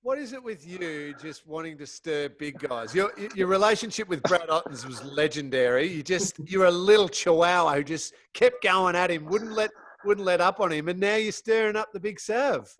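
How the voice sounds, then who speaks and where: A man's voice: sits high, normal speed, hardly any pauses, a bit bright. An Australian man hosting a casual podcast chat, teasing his guests. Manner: cheeky, teasing. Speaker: podcast host.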